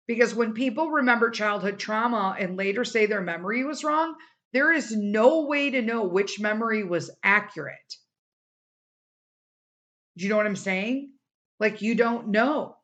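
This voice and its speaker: A middle-aged solo podcast host speaks in a slightly high, somewhat bright voice, captured on dull-sounding audio. Her casual talk is blunt and emphatic with some swearing, and her voice is fraying from a day spent recording.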